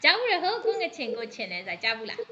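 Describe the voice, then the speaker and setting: A woman from Myanmar teaches a class in an animated way, asking her students questions as she goes and switching into Burmese now and then. Her fairly high voice moves very fast, in a muffled recording with slight background noise.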